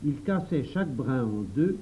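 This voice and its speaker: Lively male storybook narrator. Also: mid-range voice, moderate pace, slight background noise. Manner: lively, expressive. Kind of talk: storybook reading. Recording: dull, lo-fi.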